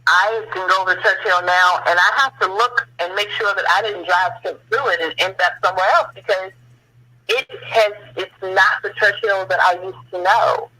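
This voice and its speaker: A man's voice: high-pitched, steady tone, normal speed, sharp tone, slightly rough, poor audio. A man speaking as a guest on a radio talk show, telling history in an earnest way that rises to impassioned questions.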